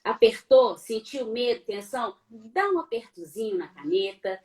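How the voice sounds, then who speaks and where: A middle-aged Brazilian woman who speaks with a Brazilian Portuguese accent and teaches law, coaching her audience in a live online talk. She sits a little high in pitch and keeps things animated. She asks herself rhetorical questions and playfully mimics sounds. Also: moderate pace. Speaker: law professor.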